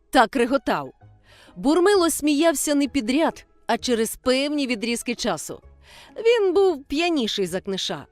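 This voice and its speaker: A woman narrating a children's audiobook in an expressive storytelling manner. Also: on the high side, no echo.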